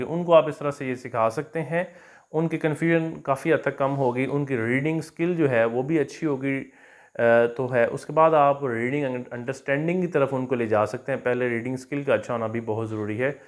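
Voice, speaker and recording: A man's voice: medium pitch, a little fast. Man explaining English phonics. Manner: explanatory, repeats "theek hai na" and fillers. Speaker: English teacher. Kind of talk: explaining phonics to teachers and students.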